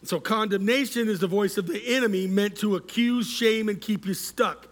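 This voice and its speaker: A middle-aged male pastor preaching a sermon, measured and repetitive for emphasis, often asking the congregation to respond. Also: sits high. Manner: measured, repeats key words for emphasis.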